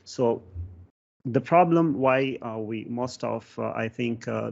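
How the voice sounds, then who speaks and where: A man from Sri Lanka giving a technical conference talk, pausing often with fillers. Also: medium pitch, vocal fry. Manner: hesitant, many fillers. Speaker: conference speaker. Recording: dull lo-fi sound.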